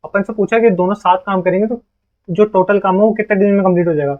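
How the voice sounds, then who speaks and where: Male maths tutor, higher voice, self-questioning step-by-step explainer, muffled lo-fi audio. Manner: explains aloud, asks and answers his own questions, reads English questions slowly. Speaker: maths teacher. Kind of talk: solving exam questions step by step.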